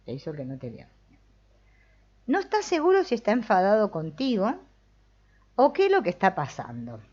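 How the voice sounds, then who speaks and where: A woman with a Rioplatense Argentine accent gives a relaxed spiritual talk, reading from a book, commenting playfully and acting out the restless mind. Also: medium pitch, moderate pace. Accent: Rioplatense Argentine Spanish. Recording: dull lo-fi recording.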